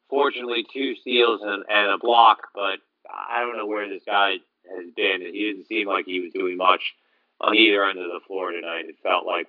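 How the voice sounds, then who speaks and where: A man's voice: lowish voice, no echo, highs cut off. A man hosting a sports podcast, recapping player performances in a blunt, critical way. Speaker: fantasy basketball podcast host.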